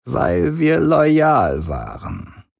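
A man voicing a cold, possessive, menacing father who speaks softly and threatens. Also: mid-range voice, wildly swooping pitch, extremely slow, creaky, breathy edge, voice pushed up, heavily acted. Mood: proud. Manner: soft-spoken and threatening.

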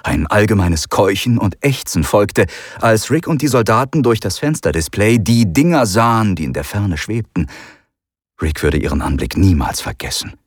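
A man narrating an audiobook in an expressive, dramatic way. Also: fairly low pitch, moderate pace, slightly rough, no echo, studio quality.

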